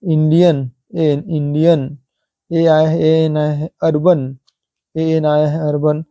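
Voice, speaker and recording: A man teaching English pronunciation, repeating example words slowly and asking rhetorical questions. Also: fairly high pitch, level tone, mellow, no echo, muffled recording. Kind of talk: slow classroom explanation.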